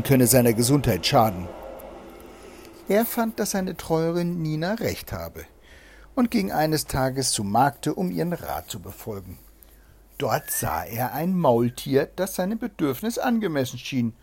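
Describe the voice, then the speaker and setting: Expressive storybook reader. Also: medium pitch, husky. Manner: expressive, lively read-aloud. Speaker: storyteller reading aloud. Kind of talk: reading a storybook aloud to a child.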